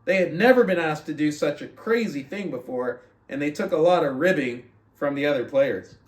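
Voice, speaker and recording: Lively in intonation and fairly high-pitched, a man talks at normal speed while hosting a motivational book club. He moves between earnest conversation with listeners and reading aloud, using rhetorical check-ins like "right?". The room echoes and the mic sits far away.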